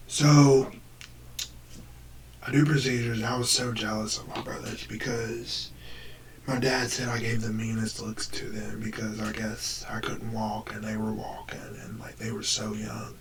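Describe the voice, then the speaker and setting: The audio is noisy, captured by a microphone set well back from the speaker, a young American man recounting something personal to the camera. He's casual but hesitant, and his deep, damaged voice slips into breathiness.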